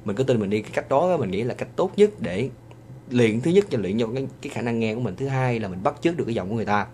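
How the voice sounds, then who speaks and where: A man's voice: mid-range voice, expressive, a little mellow, slight background noise. Chatty Southern Vietnamese man giving advice. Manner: chatty, many drawn-out hesitations. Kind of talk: casual advice monologue.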